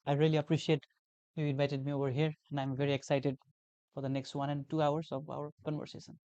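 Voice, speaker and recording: A man's voice: fairly high pitch, little pitch movement, fast talker, dark tone, no echo, highs cut off. A young man from Nepal, a guest talking earnestly in a casual interview, repeating phrases with many fillers. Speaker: guest, graduate teaching assistant.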